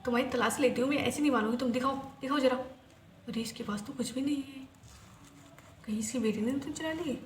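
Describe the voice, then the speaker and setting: Woman voicing a bossy rich lady, stingy, scolding, high voice, roomy noisy room. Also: fast talker, a bit bright. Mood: accusing. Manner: scolding and commanding. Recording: roomy, noisy home recording.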